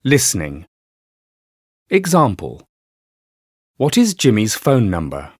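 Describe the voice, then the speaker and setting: A man reads listening-test questions in a husky, breathy voice. He keeps an unhurried pace, and his pitch rises and falls widely. His delivery is plain and measured. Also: wildly swooping pitch, no room sound, studio quality. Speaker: exam narrator. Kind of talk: scripted test narration.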